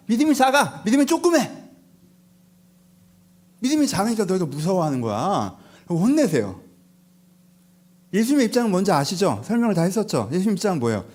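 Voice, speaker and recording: A male pastor giving a lively, conversational sermon, telling the story with rhetorical questions and acting out the people in it. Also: a little high. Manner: animated storytelling, acts out disciples and Jesus, rhetorical questions. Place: church sanctuary.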